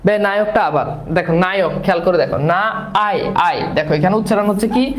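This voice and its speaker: A male teacher, explaining grammar and repeating syllables slowly while quizzing his students. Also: high-pitched, reverberant, poor audio. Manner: repeats sounds slowly, asks students questions. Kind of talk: grammar lesson.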